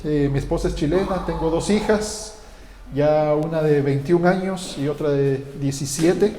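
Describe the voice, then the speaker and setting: A man's voice: a little high, measured pace, dark tone. A man from Guatemala, a pastor, giving a conversational sermon with frequent fillers and restarts. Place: church hall. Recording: echoey church hall with long reverb.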